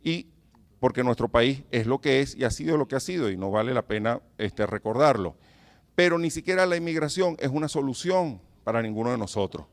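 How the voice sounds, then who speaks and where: A man with a Venezuelan Spanish accent gives a public lecture at a mid-range pitch. He speaks earnestly and emphatically, turning often to his listeners with rhetorical questions. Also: animated, fairly quick. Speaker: professor giving a talk.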